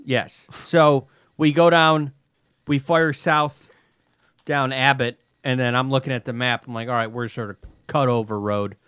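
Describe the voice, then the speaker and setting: A man rambles and teases his co-host in casual podcast chat, sounding exasperated. His voice sits at a medium pitch, recorded close and dry. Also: fairly even intonation, measured pace, fairly bright tone, smooth, dry recording.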